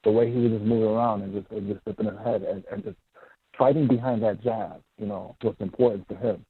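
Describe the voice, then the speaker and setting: A man calling in to a show, his voice muffled as if through a wall, halting and repeating words. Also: lowish voice, steady tone, husky. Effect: muffled phone line, as if through a wall. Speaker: caller. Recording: muffled tinny phone line.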